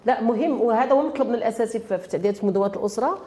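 A woman's voice: on the high side, very fast, dark tone. A woman with a Moroccan Arabic accent in a spontaneous interview, repeating words as she searches for her phrasing. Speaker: interview guest, women's association activist.

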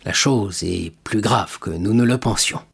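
A man reading the part of a worried middle-aged shipowner who speaks gravely and measuredly. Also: lowish voice, a little slow, exaggerated voice.

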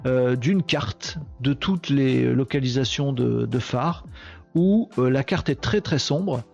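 A male host of a live tech show, talking in a chatty, excitable way and punctuating with quick exclamations. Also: medium pitch, vocal fry, highs cut off, soft background music. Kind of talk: casual live commentary.

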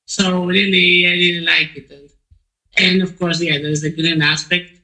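A man's voice: sits high, level tone, a little slow, bright, forceful tone, rough recording. A man from Poland answering interview questions as a podcast guest, hesitant, with many restarts and fillers.

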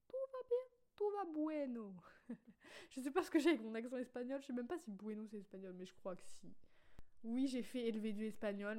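Chatty young woman with a higher voice. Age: young adult. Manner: chatty, animated and self-mocking, with sarcastic asides. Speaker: podcast host. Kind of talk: casual spontaneous podcast chat.

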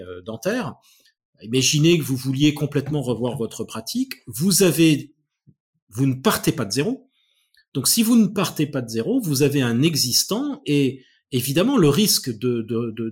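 Man, interview guest, husky voice, explanatory, halting restarts, thoughtful. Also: mid-range voice. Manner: thoughtful, many restarts and repeated words. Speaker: guest expert on innovation.

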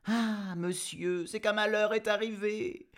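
A man's voice: high-pitched, steady tone, takes it slowly, pitched above the performer's own voice. A man voicing a hesitant innkeeper who stammers an apology about a drowned horse. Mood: apologetic.

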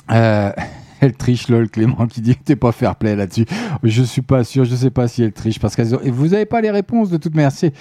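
A man hosting a live evening radio show, chatty and joking with listeners, his voice going hoarse. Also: on the high side, warm tone, no echo. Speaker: radio host. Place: radio studio.

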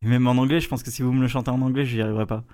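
A man's voice: mid-range voice, steady tone, rapid-fire, a little mellow. A man, chatting casually on a podcast, hesitant, with many fillers and restarts. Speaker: podcast co-host, guessing game contestant. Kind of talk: casual chat among friends.

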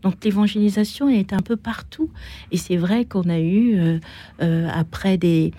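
Woman guest on a radio show, really mellow voice, dry close sound, encouraging, searches for words a bit. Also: mid-range voice, a little slow, no echo. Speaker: studio guest. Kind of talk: conversational radio interview.

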